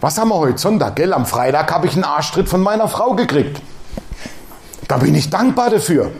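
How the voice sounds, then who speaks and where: Pastor, male, middle-aged, plain-spoken sermon delivery with quoted voices, slightly high pitch. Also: animated, a little fast, slight background noise. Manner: blunt, colloquial preaching that acts out quoted voices.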